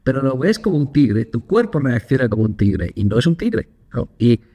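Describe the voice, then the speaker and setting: A man's voice: mid-range voice, moderate pace, husky. A man co-hosting a casual podcast, telling anecdotes and acting out quotes with energy. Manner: animated storyteller, acts out quotes. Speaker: podcast co-host.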